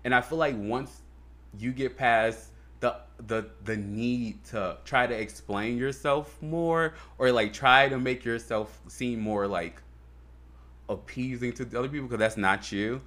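A man's voice: mid-range voice, bright, forceful tone. A man co-hosting a podcast, talking in a loose, heartfelt way, full of fillers and swearing. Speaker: podcast co-host. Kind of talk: casual chat.

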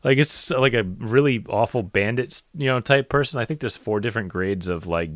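A man's voice: medium pitch, moderate pace, fairly bright tone, no room sound, clean studio sound. A man co-hosting a racing podcast, chatting in a laid-back way and laughing often. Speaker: podcast co-host. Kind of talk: casual chat.

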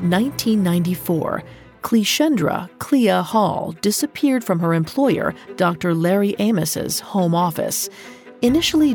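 A woman narrating a scripted true-crime story as host, in a measured, suspenseful crime show manner. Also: fairly low pitch, a little mellow. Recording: music under the voice. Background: background music.

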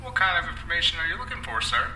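A man's voice: a little high, big pitch swings, rapid-fire, sharp tone, roomy sound, far from the mic, a little hiss or hum, full character voice, rough recording. A man playing an evasive male corporate public relations representative who answers in curt, scripted lines.

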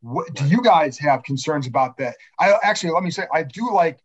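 A man's voice: on the high side, expressive, a little fast, slightly rough, muffled recording. A man hosting a casual sports discussion, posing questions and often cutting into his own sentences. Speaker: podcast host.

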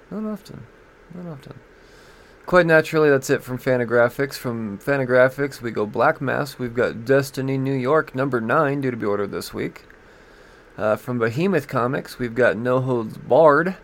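A man hosting a comics podcast, going over new releases in casual, profane, joking talk and stumbling as he reads blurbs aloud. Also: medium pitch.

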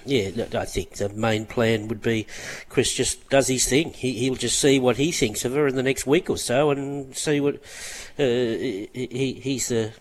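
A man's voice: medium pitch, fairly even intonation, measured pace, hardly any pauses, a little hiss or hum. An Australian man giving casual, analytical commentary as a panellist on a radio show.

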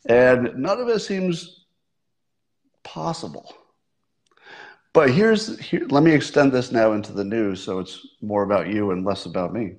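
A man's voice: mid-range voice, normal speed. A man in his sixties talking to his audience in a casual, musing monologue, with occasional self-amused laughs. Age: 60s. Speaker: livestream host.

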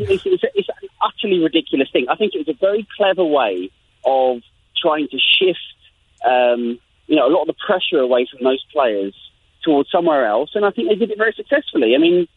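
Over a tinny phone line with slight background noise, a man from England with an English accent gives an animated interview as a guest journalist. His voice sits high with vocal fry, he talks a little fast, and he keeps restarting and repeating his sentences.

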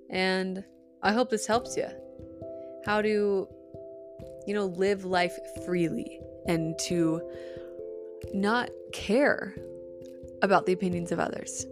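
A woman's voice: mid-range voice, unhurried, pauses often, music in the background. A young woman with a Utah accent hosting her own podcast in a casual, candid way, giggling and swearing freely as she chats. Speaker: podcast host. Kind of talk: casual solo podcast chat.

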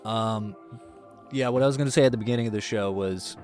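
A man co-hosting a casual film podcast, rambling with many fillers and letting his sentences trail off quietly. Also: on the low side, fast, faint music behind. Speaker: podcast co-host. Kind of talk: casual film review chat.

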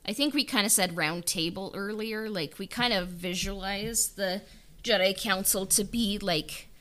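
A woman who wrote and directed a fan audio drama is interviewed in a casual behind-the-scenes chat about creative work. She talks hesitantly and rambles, leaning heavily on "like" and "you know," in a mid-range, fairly bright voice at a slightly slow pace.

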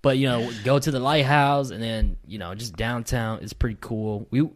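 A man's voice: mid-range voice, steady tone, normal speed. A man, chatting casually and rambling with lots of fillers and restarts. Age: late 20s. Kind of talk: casual chat.

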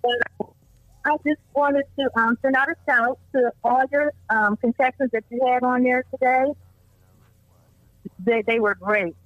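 A middle-aged woman calling in over a phone line, gushing and halting with fillers as a caller to a morning show. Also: sits high, steady tone, no echo. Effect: heard over a phone line. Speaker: caller, mother of a host. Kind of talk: call-in chat. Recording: distant phone call, dry.

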